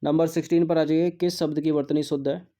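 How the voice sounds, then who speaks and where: A man's voice: fairly high pitch, level tone, fast, warm tone. A male teacher going through exam practice questions, repeating words to drill their spelling and mixing in English terms.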